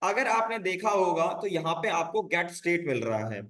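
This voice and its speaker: A man's voice: sits high, sing-song, normal speed, fairly bright tone, roomy sound, rough recording. A man teaching a live online coding class in a casual, conversational way, often checking whether students are following. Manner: casual Hindi-English teaching, frequent check-ins with "bhai". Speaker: coding instructor.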